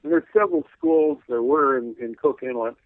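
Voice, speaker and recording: A man calling in as a radio guest, rambling folksily with lots of "you know," clearing his throat as his voice wears out. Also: medium pitch, a little fast, no echo. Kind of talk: casual call-in radio interview. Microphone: telephone. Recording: tinny phone line.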